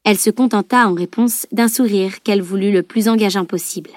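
A woman narrating an audiobook with an even, measured reading. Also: mid-range voice, no echo, clean studio sound. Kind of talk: scripted narration.

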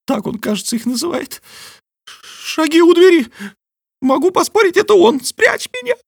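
A man voicing a small, frantic male bat who chatters in a squeaky, breathless, excitable way. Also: moderate pace, vocal fry, no echo, clean studio sound, full character voice. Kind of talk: audiobook character voice.

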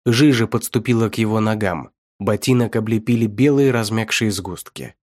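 A man reading a dark fantasy story aloud as narrator, steady and measured. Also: fairly low pitch, no echo, clean studio sound. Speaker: audiobook narrator. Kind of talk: scripted narration.

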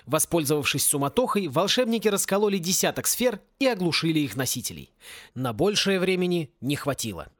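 Narrator, male, expressive animated reading, higher side, dry close mic. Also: a little fast, dry recording. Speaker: audiobook narrator. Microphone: close home studio mic.

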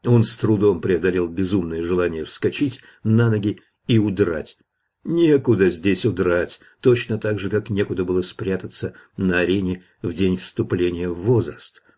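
A man reading a dark fantasy audiobook in measured, dramatic scripted narration. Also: low voice, slightly rough.

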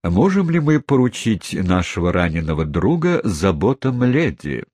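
A man reading the part of a pompous, stately elderly gentleman who speaks in measured phrases. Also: deep voice, sing-song, no echo, clean studio sound. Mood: solemn. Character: pompous elderly club leader, solemn and stately.

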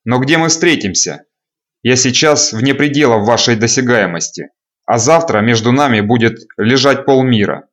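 A man's voice: medium pitch, lively intonation, moderate pace, a bit bright, natural voice. A man reading an audiobook, voicing a sneering, predatory necromancer who taunts his enemy. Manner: contemptuous and taunting. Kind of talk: audiobook character voice.

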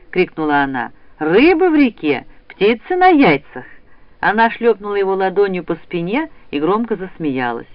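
Male audiobook narrator, high and very animated, dry and close, slightly muffled sound. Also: dry recording. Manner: expressive reading. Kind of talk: storybook narration. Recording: dull, slightly lo-fi recording.

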